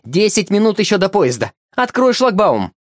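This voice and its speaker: A man putting on a shrill angry village woman. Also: very animated, moderate pace, dry recording, studio quality. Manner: shouting, shrill.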